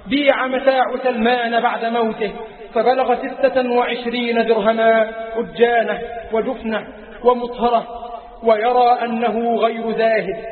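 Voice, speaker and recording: An Egyptian preacher with a very high voice delivers a sermon in a rising, chanting cadence, repeating key phrases for emphasis. His voice rings with long reverb through a large hall. The recording is thin and phone-like. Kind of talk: Friday sermon. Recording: echoey hall, tinny lo-fi.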